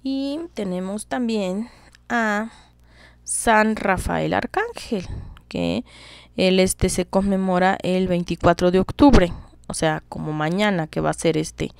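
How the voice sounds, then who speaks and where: A woman's voice: mid-range voice, slow, creaky, clean tone, no room sound. A woman presenting history in a casual livestream, chatty, with many fillers and asides to her viewers, through a webcam.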